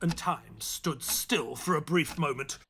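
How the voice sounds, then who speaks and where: An actor playing Dr. Watson, an earnest, excitable man who tells his adventure in theatrical audio-play style. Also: on the high side, unhurried, noisy background. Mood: suspenseful narration. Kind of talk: dramatic narration and dialogue of an audio play.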